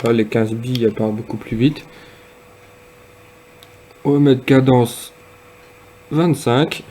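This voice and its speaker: Man, mellow voice, hesitant product demo, faint background noise. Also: mid-range voice. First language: French. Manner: hesitant, many pauses and fillers. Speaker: product reviewer. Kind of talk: casual product demonstration.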